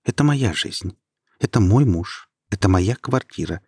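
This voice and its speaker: A man reading an audiobook and voicing a defiant young wife who speaks quietly and firmly. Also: on the low side, expressive, a little slow, husky, no room sound, clean studio sound.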